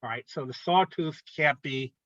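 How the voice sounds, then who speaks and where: A man presenting rules to an art club in a casual instructional talk, often pausing to ask "okay?". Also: mid-range voice, sharp tone, dry recording, highs cut off. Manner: conversational, frequent "okay?" check-ins.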